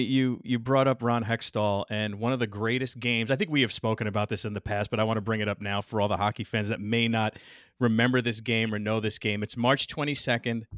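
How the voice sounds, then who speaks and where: A man hosts the show and walks through an old game play by play. His voice sits a little high, and it sounds dry and close. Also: fairly bright tone, no echo. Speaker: podcast host.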